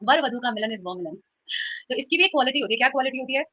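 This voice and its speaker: Lively high-voiced woman teacher, bright tone. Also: quick pace, no echo. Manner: lively, teasing, mixes Hindi and English. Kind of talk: online grammar class. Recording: dull lo-fi sound.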